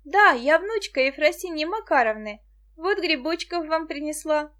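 Musya, a woman voicing a shy young girl, high voice. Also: expressive, moderate pace, a bit bright. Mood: earnest.

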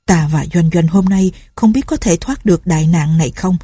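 A woman voicing the inner thoughts of an anxious, loyal young male swordsman in a martial arts audiobook, read low and steady. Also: moderate pace, husky, dry recording, studio quality. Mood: worried.

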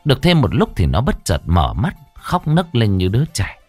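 Lively, low-voiced male storyteller. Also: moderate pace, slightly rough, no room sound, soft background music. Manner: dramatic, varied delivery, voicing the characters. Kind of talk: expressive story narration.

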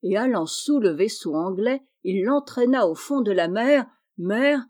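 Woman, audiobook reader, mellow tone, expressive storybook narration. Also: mid-range voice, moderate pace. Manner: expressive, lifts her voice for characters.

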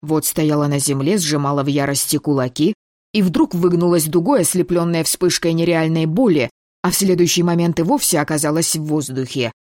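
An audiobook reader giving steady, measured first-person fantasy narration. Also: mid-range voice, dry recording, studio quality.

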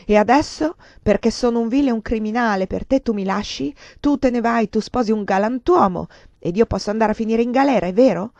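A woman reading aloud, voicing a ruined, desperate man who shouts bitter accusations. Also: medium pitch, expressive, moderate pace, no echo, lightly acted. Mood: threatening. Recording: dull lo-fi dry recording.

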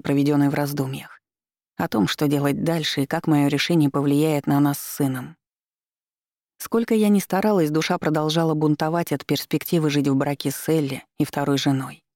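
A woman reading a first-person novel aloud, in measured, steady storytelling. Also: low voice, no room sound, clean studio sound. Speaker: audiobook narrator. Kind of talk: first-person audiobook narration.

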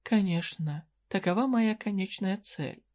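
A narrator voicing a shrewd, teasing female dungeon merchant in a fantasy audiobook. The voice is pitched higher than the narration, with a flirty, businesslike manner. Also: measured pace, a little mellow, lightly acted. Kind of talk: audiobook character reading.

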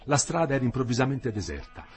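A man reading a literary novel aloud with an expressive, varied delivery. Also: medium pitch, fast talker, soft background music. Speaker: reader.

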